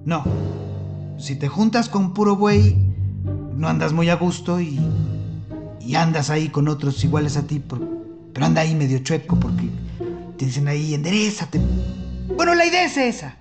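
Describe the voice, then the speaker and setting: An actor playing a clumsy, boastful superhero who muddles old sayings, heard on an old TV clip with music behind. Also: male voice, on the high side, expressive, normal speed, long pauses. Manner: muddles sayings, rambling, proud.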